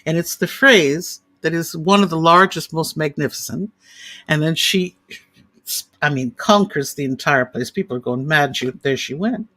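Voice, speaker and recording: Woman, 60s, opera singer guest; animated, effusive storyteller. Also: low-pitched, moderate pace. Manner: animated, gushing anecdotes with vivid imagery. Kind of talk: casual storytelling chat.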